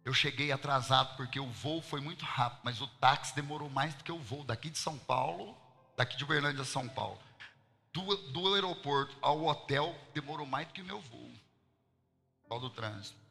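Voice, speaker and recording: A man's voice: mid-range voice, a little fast, gravelly, sharp tone, long reverb tail, faint music behind. A man with a Minas Gerais accent preaching in church, telling a personal story and asking his congregation questions. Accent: Mineiro (Minas Gerais) Portuguese. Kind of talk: sermon told as a personal story.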